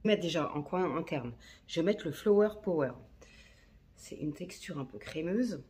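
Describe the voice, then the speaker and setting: A woman's voice: sits low, animated, normal speed, mellow. A woman chatting casually while filming a makeup tutorial on her phone, slangy and talking to herself as she works. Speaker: beauty vlogger. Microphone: phone camera.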